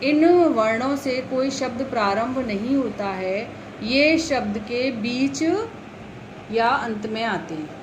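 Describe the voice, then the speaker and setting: A primary school teacher with a slightly high voice explains Hindi grammar to young children, speaking slowly and patiently. She repeats letters and example words, and there is background noise.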